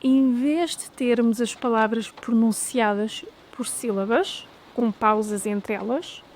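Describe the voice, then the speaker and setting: A woman with a European Portuguese accent teaches in a clear, deliberate way, her voice sitting a little higher than most. She sounds like a teacher presenting a video lesson and slows down to spell out example phrases. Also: fairly even intonation, darkish tone, slight background noise. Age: adult with a child. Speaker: language teacher.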